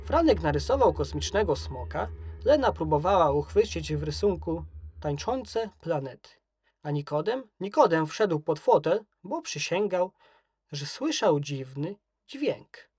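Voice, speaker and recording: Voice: mid-range voice, big pitch swings, measured pace, a little mellow, husky, dry recording, clean studio sound. A narrator reading a children's story aloud.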